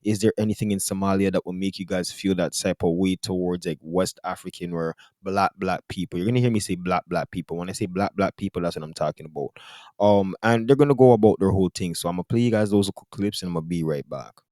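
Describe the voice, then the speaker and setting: A man with a very low voice hosts a casual reaction commentary, talking quickly. He rambles loosely with slang and fillers. The sound is close and dry. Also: a little mellow, dry recording. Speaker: host.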